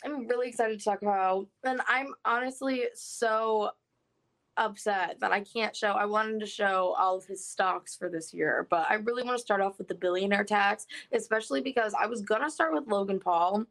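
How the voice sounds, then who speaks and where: Heard over a phone connection, a young adult woman co-hosting a podcast chats casually and fills her speech with "like." Her medium-pitched voice moves at a normal pace, slightly bright and touched with vocal fry.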